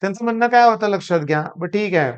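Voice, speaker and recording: A man's voice: sits high, quick pace, clear, resonant tone, muffled recording. A male teacher from Maharashtra with a Marathi accent, talking emphatically to camera and repeating catchphrases to his students.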